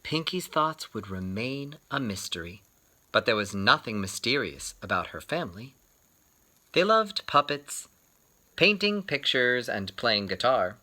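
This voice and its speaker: At a medium pitch, a man reads a picture book for children with lots of expression. His delivery is theatrical and carefully paced, punctuated by dramatic pauses.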